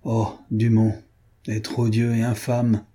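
A man's voice: on the low side, completely flat delivery, takes it slowly, warm tone, husky. A man voicing an impassioned young woman, a ballroom duchess, in an audiobook reading. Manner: impassioned, indignant, theatrical.

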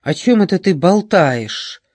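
A man's voice: high voice, big pitch swings, a little slow, a little mellow, dry recording, exaggerated voice. A man reading an audiobook, voicing a frightened, angry old woman with scornful, indignant outbursts.

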